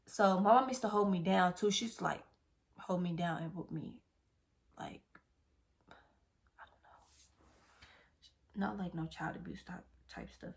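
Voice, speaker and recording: A young woman vlogger telling a personal story in a casual monologue, swinging between loud outbursts and hushed, half-whispered asides. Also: on the low side, a little slow, creaky, long pauses.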